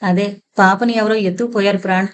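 A woman's voice: medium pitch, fairly even intonation, brisk, clean tone, natural voice. A woman voicing an elderly grandfather in a suspense audio novel, stern with strangers and tender with his granddaughter. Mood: grieving.

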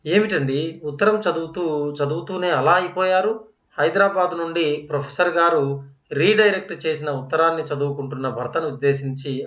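A man narrates a story in a measured, clear style. His voice sits a little high. The recording is roomy and dull, with a lo-fi quality. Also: a bit bright, recorded from a distance.

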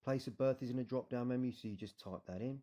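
A man's voice: medium pitch, fast, mellow. A man with a British accent, an immigration adviser casually talking through an online form, reassuring and often adding "yeah?". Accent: British English. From United Kingdom. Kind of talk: screen-recorded tutorial walkthrough.

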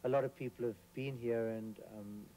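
A man's voice: mid-range voice, fairly even intonation, normal speed, dark tone, poor audio. A middle-aged man, an expedition leader, speaking in an outdoor interview at a cave entrance, hesitant with fillers. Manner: hesitant, with fillers, gestures while talking. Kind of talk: casual on-camera interview.

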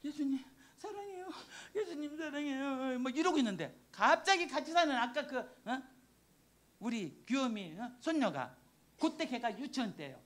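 An older woman, in her sixties, preaches in a church. She tells her story with animated emotion. Her voice sits fairly high and leaps all over its range. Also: moderate pace. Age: 60s. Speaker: missionary preacher. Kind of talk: sermon testimony. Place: church sanctuary.

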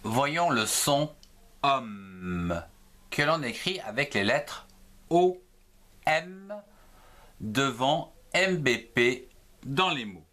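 A man gives a reading lesson at a very slow, deliberate pace. He spells out each letter before blending it into a syllable. His pitch swings widely in a sing-song pattern that climbs on the letters and drops on the finished word. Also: lively intonation, a bit bright. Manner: slow, sing-song teacher voice, rising on letters and falling on words. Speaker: reading teacher.

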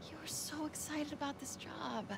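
A woman's voice: high-pitched, fairly even intonation, moderate pace, creaky. An actress playing a determined young female newspaper reporter in naturalistic video game dialogue. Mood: sympathetic, concerned. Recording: game audio with noisy ambience behind.

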